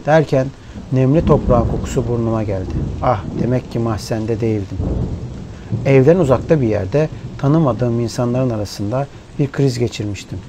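A man reading a story aloud in a measured, somber storytelling manner. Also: mid-range voice, noisy background. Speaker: narrator. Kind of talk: scripted audiobook narration. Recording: rain and thunder behind the voice. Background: rain and thunderstorm ambience.

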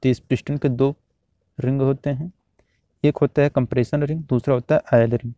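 Man drilling exam answers, mellow voice. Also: medium pitch, normal speed, dry recording. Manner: steady, repetitive exam-drill delivery. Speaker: teacher. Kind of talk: reading out and answering quiz questions.

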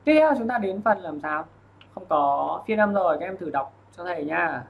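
A man teaching an online language lesson, explaining patiently, checking in often and reading examples slowly. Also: high-pitched, animated, vocal fry, narrow, tinny audio. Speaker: Chinese teacher.

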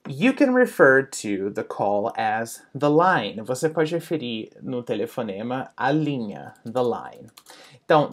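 Slow, lively-voiced male language teacher. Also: medium pitch. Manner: repeats each phrase slowly in two languages; stresses intonation of example phrases. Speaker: English teacher. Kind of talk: bilingual language lesson.

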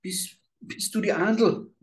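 Male reader doing a scared little girl, high and timid, trembling pleas. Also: animated, normal speed, a little mellow, natural voice. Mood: frightened pleading. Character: frightened little peasant girl, lost in a dark forest.

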